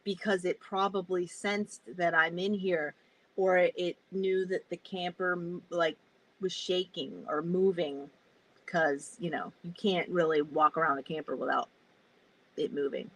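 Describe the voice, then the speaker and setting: A woman's voice: fairly low pitch, unhurried, poor audio. A woman vlogging from a camper, telling a story casually, swearing often and acting out her own reactions. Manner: animated, swears a lot, acts out her reactions. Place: inside a camper.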